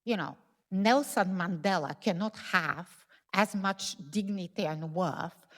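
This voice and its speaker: A woman's voice: on the low side, slow pace, a bit bright. A woman speaker on an academic panel, talking thoughtfully with many fillers and hedges. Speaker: lecture speaker. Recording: reverberant lecture hall.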